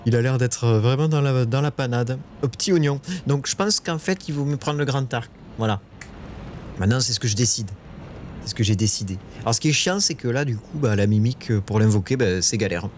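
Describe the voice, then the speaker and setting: A man's voice: medium pitch, a little fast, a little mellow, slight background noise. A man giving casual live commentary while playing a game, chatting with viewers and swearing when frustrated. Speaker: streamer. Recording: game music playing behind.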